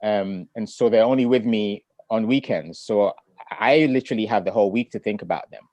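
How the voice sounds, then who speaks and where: A middle-aged man who grew up in Ghana, a poet, reading his poems and talking about family in a measured, reflective way over a video call. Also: on the low side, mellow, dry recording. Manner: measured and reflective, with thoughtful pauses. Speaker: poet and author. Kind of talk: poetry reading and relaxed conversation.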